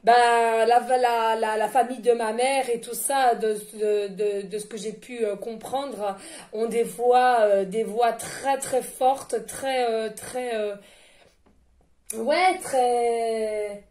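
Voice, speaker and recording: A woman giving a casual tarot card reading in a loud, carrying voice, chatty, laughing often and filling pauses with hesitations. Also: a little high, fairly even intonation. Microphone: no microphone, picked up by the device directly.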